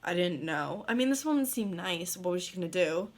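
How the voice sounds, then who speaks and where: A young woman from the northeastern US rambling through a story in a casual vlog, full of "like" and quick laughs. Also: lowish voice, lively intonation. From northeastern United States. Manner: rambling, lots of "like", laughs mid-sentence. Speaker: vlogger.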